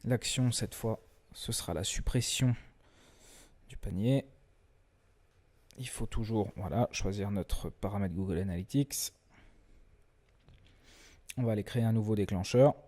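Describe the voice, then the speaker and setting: A man presenting a screen-recorded software tutorial in a relaxed, chatty way, often hesitating and restarting his sentences. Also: on the low side, measured pace, pauses often. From France. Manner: self-deprecating humor.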